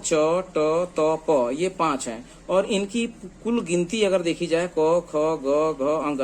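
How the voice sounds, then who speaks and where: A man teaching a beginner English lesson, slowly spelling out letters one at a time. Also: fairly high pitch. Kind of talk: screen-based lesson explaining letters.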